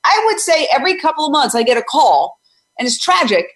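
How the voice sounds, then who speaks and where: A woman in her sixties, a former news reporter and animal rights activist, hosts an interview in a high voice with big pitch swings and a fairly quick pace. Her talk mixes interview and advocacy, and she speaks energetically and emphatically. She often asks questions and then answers them herself.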